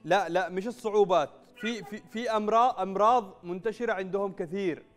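High-pitched, rapid Yemeni male quiz host. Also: soft background music. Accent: Yemeni Arabic. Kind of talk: live call-in quiz presenting with prize announcements. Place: TV studio.

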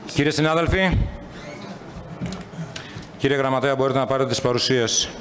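A man's voice: medium pitch, fairly bright tone. A man presiding over a municipal council session, politely urging members to their seats and giving the floor in a formal, courteous manner. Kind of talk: chairing a municipal council meeting.

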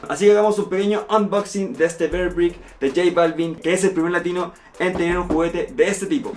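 A man's voice: high-pitched, steady tone, brisk. A young man from Chile, an upbeat, enthusiastic streetwear vlogger who talks in slang while unboxing his purchases at a table in a small room. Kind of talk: casual unboxing vlog.

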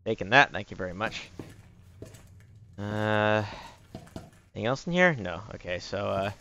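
A man's voice: on the low side, animated, unhurried, pushed and bright. A man giving casual gameplay commentary, muttering and thinking aloud as he goes. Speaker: game streamer. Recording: faint background noise, clicking.

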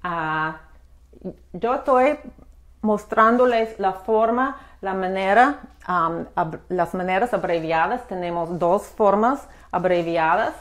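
A woman's voice: medium pitch, expressive, slow pace. A woman teaching a beginners' language lesson live, explaining patiently, with frequent restarts and fillers. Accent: American English accent in the English words. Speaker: English teacher.

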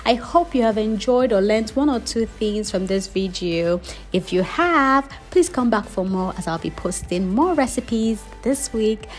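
A woman's voice: on the high side, animated, a little slow, faint music behind. Woman narrating a cooking tutorial. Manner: friendly, instructive, step-by-step. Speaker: cooking channel host. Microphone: voice-over, not recorded on camera.

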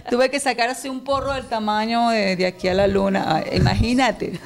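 Venezuelan woman, 30s, talk show guest; playful, rambling, higher voice. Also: fairly even intonation, moderate pace. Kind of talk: casual studio chat. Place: TV studio set. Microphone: handheld mic.

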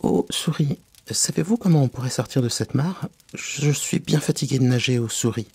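A man's voice: mid-range voice, moderate pace, a little mellow, slightly rough, no room sound, voice pushed up. A man voicing Alice, a polite, anxious young girl who chatters in a coaxing, apologetic way.

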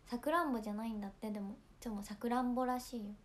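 A young woman from Hiroshima with a Hiroshima accent, chatting casually on a livestream and often dropping into soft whispers between giggles. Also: on the high side, fairly even intonation, racing. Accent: Hiroshima Japanese. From Hiroshima, Japan. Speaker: idol livestream host.

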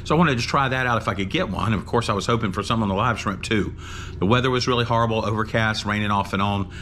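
A middle-aged man, narrating his fishing trip to an action camera in excited, folksy commentary. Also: fairly low pitch, quick pace. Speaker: fishing vlogger. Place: outdoors on a windy waterfront. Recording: outdoor wind and boat noise. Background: wind and water ambience.

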